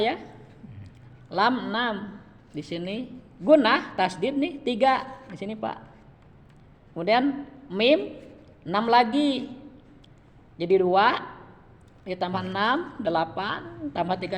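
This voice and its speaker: A man giving a one-on-one Quran reading lesson, patient and repetitive, often checking in with his student. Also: high-pitched. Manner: patient, repeats each point and keeps addressing the student. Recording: reverberant room.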